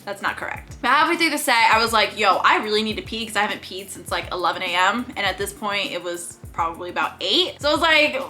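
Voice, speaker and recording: A young adult woman telling an animated storytime to her viewers, chatty and full of laughs. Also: mid-range voice, faint music behind. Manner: animated, fast-talking storyteller with lots of "like" and laughs. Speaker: YouTuber. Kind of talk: storytime vlog.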